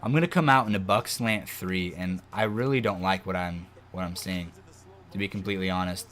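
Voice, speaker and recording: A man giving casual commentary as he plays a football video game, breaking into excited, loud outbursts at the plays. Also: low-pitched, a little fast. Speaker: gaming video host.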